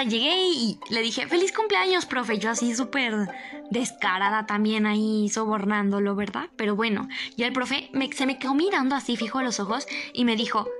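A young woman with a Mexican Spanish accent telling a personal story in a casual, animated, dramatic way. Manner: animated, dramatic, jumps up in pitch for emphasis.

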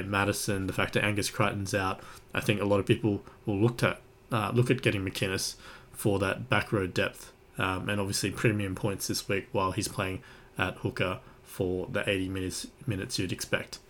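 Aussie bloke hosting a footy podcast, lowish voice, informal and chatty. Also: male voice, steady tone, moderate pace, a bit bright, a little hiss or hum. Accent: Australian. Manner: conversational, informal. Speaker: sports podcast host. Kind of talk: casual sports commentary.

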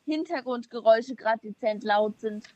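Young female co-host, stubborn and competitive, thinks aloud, a touch high. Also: warm tone, highs cut off. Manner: drawn-out musing syllables while thinking. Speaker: co-host playing a guessing game. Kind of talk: casual podcast chat.

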